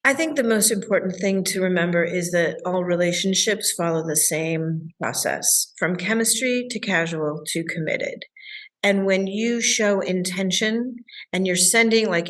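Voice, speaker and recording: A woman's voice: lowish voice, fairly bright tone. A woman relationship coach, a guest in an interview, answering with enthusiasm and acting out the voices of her clients.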